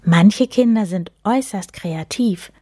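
A friendly snow spirit living in a snowman, as a woman reading a storybook voices him. He speaks softly, with a breathy, husky and unhurried delivery and a mysterious edge. The sound is close and dry. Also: mid-range voice, dry recording. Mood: amused. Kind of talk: storybook read-aloud.

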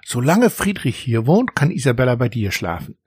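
A man voicing a caring, slightly worried mother in a children's audiobook, speaking gently. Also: medium pitch, sing-song, normal speed, husky, no echo, clean studio sound. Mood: concerned. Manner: gentle, concerned.

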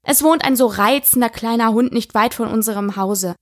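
A woman's voice: fairly high pitch, moderate pace, dry recording, clean studio sound, close to an everyday voice. A woman voicing a polite, curious young girl who chatters eagerly and apologizes often.

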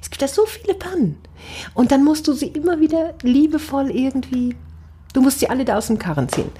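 A middle-aged woman in a casual conversation, telling stories with lively, animated swings of pitch. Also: a little fast. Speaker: wedding speaker and officiant.

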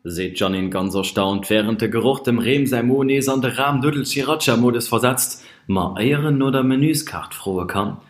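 A man narrating a scripted story in an animated storytelling style. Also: medium pitch, normal speed, hardly any pauses, reverberant.

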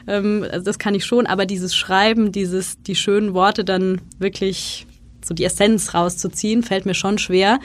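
A woman's voice: medium pitch, fairly even intonation, normal speed. A woman guest in a casual interview, chatting freely and acting out little quoted exchanges as she tells her stories. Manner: chatty storyteller, acts out quoted dialogue. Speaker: guest, freelance consultant and wedding speaker.

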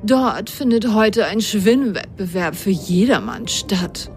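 A woman's voice: medium pitch, expressive, slow, music in the background, pitched above the performer's own voice. A woman voicing a polite, formal giant male octopus who serves as a waiter in a storybook. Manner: courteous, formal service tone.

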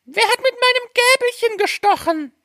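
A man voicing a group of little male dwarfs in a storybook reading, with a high squeaky voice. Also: lively intonation, moderate pace, bright, forceful tone, no echo, studio quality, full character voice. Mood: puzzled.

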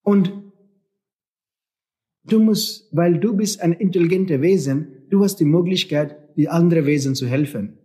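Speaking German as a second language, a male spiritual teacher gives a heartfelt talk that leans on rhetorical questions and repeated phrases. He has a fairly high, dark-toned voice and keeps a moderate pace.

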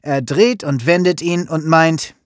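A man narrating a children's story in an expressive, storytelling manner. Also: on the high side, unhurried, no echo, studio quality.

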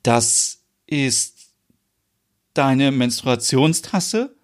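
A man reading a story aloud, voicing a fussy, excitable woman who owns the kitchen and is the boss, in a shrill, flustered, dramatic manner. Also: drawn-out words.

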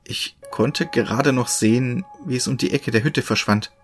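A man's voice: mid-range voice, moderate pace. Man narrating a horror story. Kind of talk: scripted first-person horror narration. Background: faint music.

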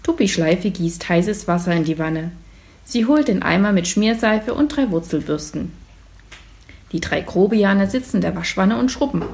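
Brief: woman storyteller, mid-pitched voice with a gravelly creak, calm and lively read-aloud narration for children. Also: moderate pace.

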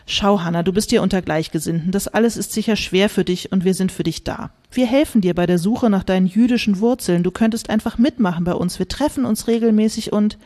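A woman's voice: mid-range voice, a little fast, hardly any pauses, dark tone, natural voice. A woman voicing a patronizing group leader. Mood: soothing. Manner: patronizing, soothing. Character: self-important man leading a discussion group.

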